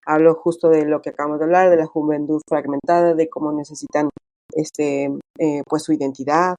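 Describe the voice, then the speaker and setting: Chatty mellow-voiced woman in interview. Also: sits low, little pitch movement, a little fast, no echo. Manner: chatty, many fillers, acts out quoted dialogue. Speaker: author and interview guest. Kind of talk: casual conversational interview.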